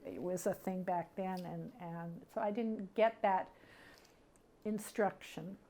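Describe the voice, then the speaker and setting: A middle-aged Canadian woman casually shares personal memories as an interviewee, thinking aloud in a halting, conversational manner. Her voice is on the low side and warm.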